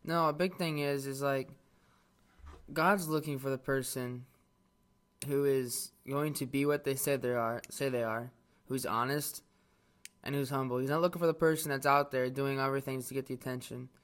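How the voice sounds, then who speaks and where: Thoughtful man, plain even voice. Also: medium pitch, normal speed. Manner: thoughtful, filler-heavy. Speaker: co-host of a Bible talk. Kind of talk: casual faith discussion.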